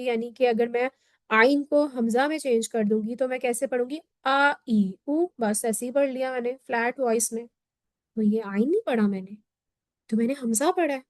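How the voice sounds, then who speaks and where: A woman gives an online recitation lesson in a fairly high voice. She explains each step patiently, keeps checking that the listener follows, and stretches out letter sounds slowly to demonstrate them. The close, dry recording has no room sound. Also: dry recording. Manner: explains patiently, checks in with "theek hai?" after each point; demonstrates letter sounds in slow drawn-out syllables. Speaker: Quran recitation teacher.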